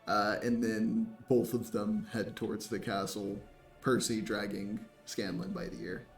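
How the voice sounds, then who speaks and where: Slow-talking male game master, narrates a tabletop game, echoey room, mic at a distance. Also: lowish voice, little pitch movement, soft background music. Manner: unhurried, laughing narration.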